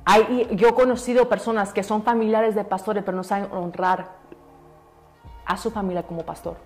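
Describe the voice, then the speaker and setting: A woman's voice: medium pitch, steady tone, normal speed, soft background music. Earnest woman giving church testimony. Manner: earnest, preachy, repeats phrases for emphasis; mixes in English words. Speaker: interview guest, pastor's daughter. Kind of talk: emotional testimony in a church interview.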